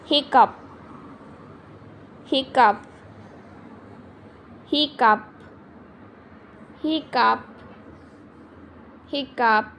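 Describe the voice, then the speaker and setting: A woman gives a vocabulary lesson at a very slow, deliberate pace, repeating every word several times. Her voice is fairly high with a gravelly edge, and a faint hum sits behind her. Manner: repeats each word slowly, saying the English words louder. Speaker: English teacher.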